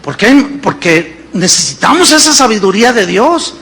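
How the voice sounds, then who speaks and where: A man in his fifties preaching a sermon as pastor, animated and full of rhetorical questions. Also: high-pitched, moderate pace. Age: 50s.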